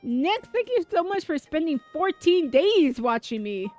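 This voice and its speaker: A woman streamer chats loosely while playing, full of fillers and asides to her viewers. Her voice sits fairly high. Her talk stays casual and unscripted throughout. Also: very animated, a little slow, a little mellow, soft background music. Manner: chatty and rambling, filler-heavy, reacting to chat. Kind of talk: casual gaming livestream chat.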